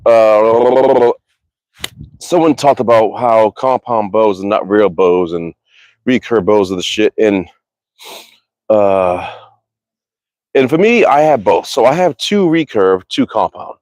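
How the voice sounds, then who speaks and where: Male archery streamer, casual and rambly with swearing, lowish voice, dry sound. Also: slow, pauses often, a little mellow, no room sound. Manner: rambling, swears freely, reads viewer comments aloud. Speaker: archery livestreamer. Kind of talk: casual livestream chat. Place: outdoors in a cold, windy backyard.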